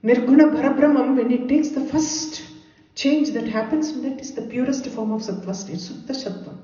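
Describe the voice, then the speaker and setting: A woman's voice: high-pitched, moderate pace, mellow, recorded from a distance. A woman giving a devotional scripture lecture who chants Sanskrit verses and then explains them, often repeating phrases. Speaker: spiritual teacher. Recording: roomy hall recorded from afar, dull lo-fi.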